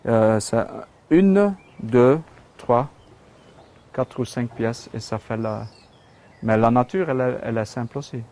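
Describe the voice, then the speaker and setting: A Belgian man whose first language is Dutch gives a casual studio tour of his metal sculptures, speaking French hesitantly with a Flemish accent and plenty of fillers and restarts. His medium-pitched voice is unhurried and darkish.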